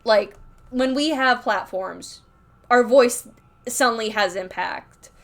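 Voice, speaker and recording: A woman's voice: on the high side, slow pace. A woman livestreaming while drawing, rambling candidly in casual chat, full of filler words, reading chat aloud and reacting.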